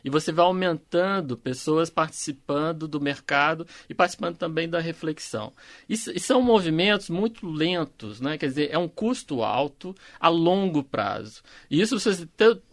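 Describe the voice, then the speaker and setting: A man's voice: on the high side, animated, normal speed, no room sound. A man, a panel guest who often stalls and repeats words as he searches for them. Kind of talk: discussion on a panel show.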